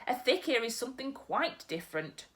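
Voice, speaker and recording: A woman reading aloud, voicing a small polite young girl who asks earnest, clear questions. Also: sits high, very animated, measured pace, voice pushed up. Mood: curious.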